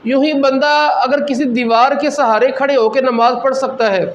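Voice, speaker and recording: High-voiced man teaching a religious lesson. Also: fairly even intonation, highs cut off, slight background noise. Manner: explanatory, repeats key points with "theek hai". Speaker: mufti teaching Islamic law.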